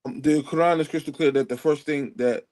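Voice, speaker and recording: A man's voice: fairly high pitch, fairly even intonation, a little mellow. Man arguing as a guest on a panel. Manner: quick to interject, apologetic, then argumentative. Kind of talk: casual debate on a live panel.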